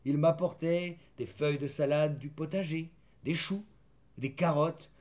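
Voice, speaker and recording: Mellow-voiced man reading a storybook. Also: on the high side, steady tone, measured pace. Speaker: audiobook narrator. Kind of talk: scripted storybook narration.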